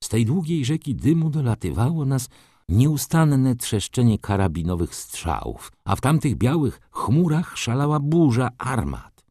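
A man reading a story aloud in the first person, with expressive scripted narration. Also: mid-range voice, a little slow, husky, no echo, studio quality. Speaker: audiobook narrator.

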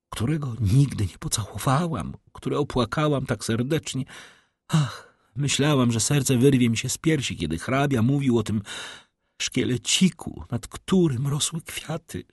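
A man voicing a frightened, anguished middle-aged noblewoman in an audiobook, in a high, pleading, trembling voice. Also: slightly rough, dry recording, clean studio sound. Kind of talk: audiobook character reading.

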